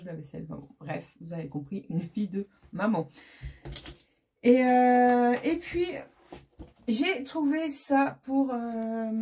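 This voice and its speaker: A woman's voice: mid-range voice, warm tone, breathy edge. A middle-aged woman vlogging in a casual, chatty way, rambling with many hesitations. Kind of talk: casual chat.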